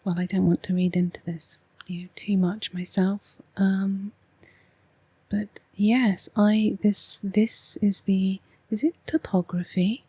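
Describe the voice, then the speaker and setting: A woman with an English accent speaks in a hushed, half-whispered ASMR voice, unhurried and very breathy. She reads oracle cards in a soft ramble, with a close, dry sound. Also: medium pitch, fairly even intonation, dry recording. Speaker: oracle card reader and ASMR host. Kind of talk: soft-spoken rambling ASMR card reading.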